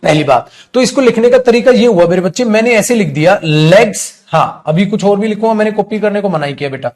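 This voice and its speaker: High-voiced Indian man teaching grammar. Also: expressive, brisk, darkish tone. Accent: Indian English. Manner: coaxing, calls students beta, asks and answers his own questions. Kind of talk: live online class lecture.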